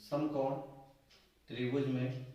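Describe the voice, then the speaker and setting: A man's voice: medium pitch, little pitch movement, slow, dark tone. A man teaching a maths lesson at a board, repeating key terms back as questions. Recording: echoey room, voice from a distance.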